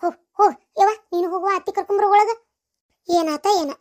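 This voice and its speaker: A sharp-tongued older mother-in-law with a North Karnataka Kannada accent scolds and mocks in a comic family skit, as a woman puts her on. Her voice sits very high and her words come fast. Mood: scolding. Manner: scolding, mocking, bossy. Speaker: comedy sketch performer.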